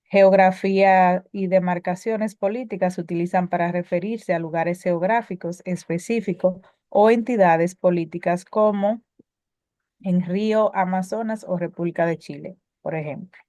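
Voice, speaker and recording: Low-voiced woman teaching a spelling lesson. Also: fairly even intonation, moderate pace, mellow, no room sound, studio quality. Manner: reads prepared explanations with occasional filler and restarts.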